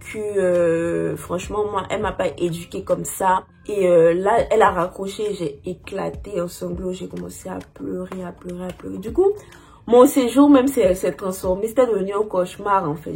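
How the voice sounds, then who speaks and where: A young woman recounts a personal story in a relaxed, chatty way, sprinkling in fillers as she goes. Her voice is mid-pitched and quite husky, with a breathy edge. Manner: chatty, lots of "genre" and "en fait" fillers. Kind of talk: casual spoken storytelling.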